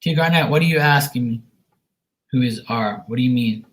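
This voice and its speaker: A man's voice: mid-range voice, a little fast, poor audio. A man hosting a casual livestream chat, talking informally to viewers and giving them encouraging advice. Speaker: psychic reader and livestream host.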